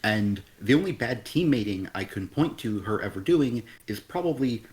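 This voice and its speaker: A man's voice: on the low side, animated, moderate pace, a little mellow, slight background noise. Blunt, exasperated man reviewing comics. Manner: blunt, exasperated, swears often. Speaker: podcast co-host. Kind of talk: casual comic review chat.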